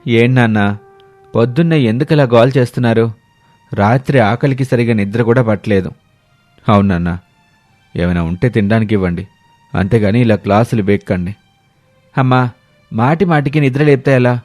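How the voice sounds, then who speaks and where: A man's voice: mid-range voice, normal speed, long pauses, no echo, soft background music, close to an everyday voice. A man doing lazy, whiny grown sons. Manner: complaining and loud. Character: lazy young adult sons, sleepy and whiny.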